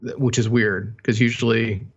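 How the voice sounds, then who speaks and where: With a husky, medium-pitched voice and a flat delivery, this podcast co-host speaks at a normal speed. He's a middle-aged man musing tentatively about music in a casual, thinking-aloud way, and the track is slightly lo-fi.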